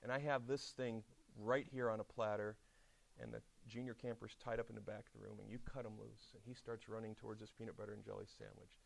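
A middle-aged man preaching a chapel sermon, telling stories with lively asides. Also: lowish voice, quick pace, vocal fry. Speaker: pastor. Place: seminary chapel.

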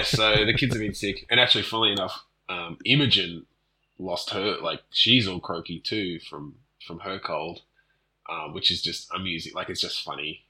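A man's voice: deep voice, pushed and bright, rough recording. A man in his thirties with a cold, co-hosting a podcast and chatting loosely with plenty of fillers and jokes. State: has a cold. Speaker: podcast co-host. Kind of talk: casual chat.

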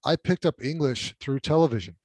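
Reflecting on his life with self-deprecating humor, a middle-aged podcast guest shares his story in a conversational interview. He is a native Spanish speaker from the Mexican side of a California border town. His husky, darkish voice sits a little high, is expressive and fairly quick, and the low-quality recording has no room sound.

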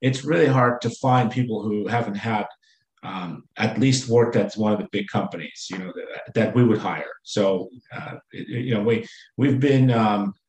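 A man speaking as a company executive in a business interview, halting with many fillers and restarts. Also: fairly low pitch, reverberant, rough recording.

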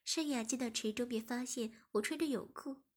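A woman reading a story aloud in a soft, steady narration. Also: fairly high pitch, moderate pace, slightly rough. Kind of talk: scripted narration.

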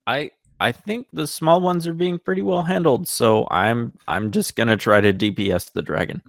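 Gravelly wry player man, dry sound. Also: medium pitch, normal speed, no echo. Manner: wry, self-deprecating, joking. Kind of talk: casual tabletop play.

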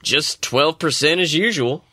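A man's voice: fairly high pitch, unhurried, pushed and bright. Man doing Rebus, a dry stern bartender. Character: stern male bartender running a contest.

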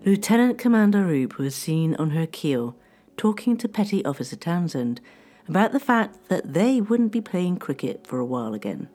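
A woman with a very low, dark and mellow voice reads a scripted history narration for radio. Her delivery is measured and steady, easing off the pace to let the dramatic lines land. Faint music sits under her voice. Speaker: radio presenter.

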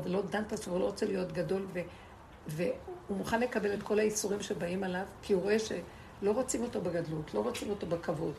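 A woman's voice: mid-range voice, creaky, a little mellow, slight background noise. A woman giving an impassioned spiritual lesson to a group, asking rhetorical questions and repeating words for emphasis. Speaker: Torah teacher.

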